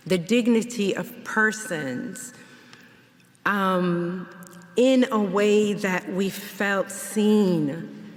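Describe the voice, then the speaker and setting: A woman from Jamaica giving a memorial eulogy in a church, speaking in a measured, reflective way. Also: medium pitch. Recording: long church reverb.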